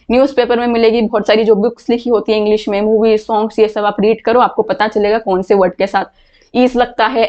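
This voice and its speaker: A woman's voice: on the high side, a little mellow, dull audio. A woman teaching an online English class, explaining patiently and repeating words to model how they are said.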